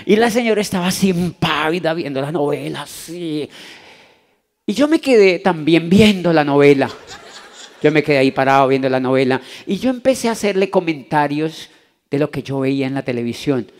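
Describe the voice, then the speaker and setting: A man from Latin America telling an animated personal story to a convention audience, acting out the voices in it. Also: on the high side, moderate pace. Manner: animated, acts out voices in his anecdotes. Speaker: motivational speaker. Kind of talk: storytelling talk to a live audience. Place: convention hall.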